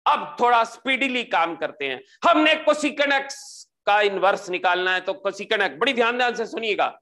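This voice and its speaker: A man giving a maths lecture, animated and repetitive, often pausing to ask for agreement. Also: high voice. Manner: animated, repeats "ठीक है जी", mixes English into speech. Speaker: maths teacher. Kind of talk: classroom lecture with pep talk.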